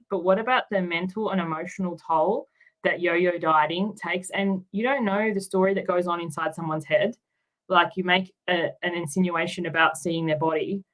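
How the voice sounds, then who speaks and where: Interview guest: Australian woman, middle-aged, lower register, candid and reflective. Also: a bit bright, rough recording. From Tasmania, Australia. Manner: open, reflective, with frequent ums and likes.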